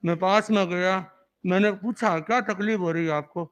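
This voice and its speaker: High-voiced man giving an earnest memorial speech. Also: steady tone, moderate pace, fairly bright tone. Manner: earnest storytelling, acting out remembered dialogue; reverent, devotional. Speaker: Jain monk.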